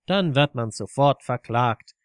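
A man's voice: medium pitch, animated, unhurried, clean tone, no echo, lightly acted. A bitter, sarcastic man holds forth at his regulars' table, all heat and scorn. A man reads him out in a plain storybook voice. The sound is dry and close. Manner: sarcastic, worked up. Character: angry right-wing man at a pub table, sarcastic.

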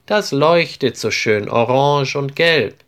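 A man voicing an excited young boy who talks eagerly. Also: medium pitch, slow pace, clear, resonant tone, voice pushed up.

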